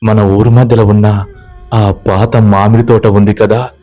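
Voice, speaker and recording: A man's voice: fairly low pitch, little pitch movement, lightly acted. A man voicing a desperate, hot-headed young village man in a spoken ghost story. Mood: persuading. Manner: pleading, demanding, quick to shout.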